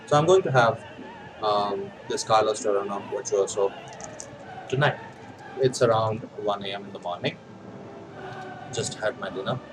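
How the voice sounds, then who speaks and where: Man, Indian accent, slightly low pitch, casual hobbyist vlogger, hesitant phrasing, music playing behind. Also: poor audio. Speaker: video host, pipe and cigar hobbyist. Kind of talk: casual vlog chat.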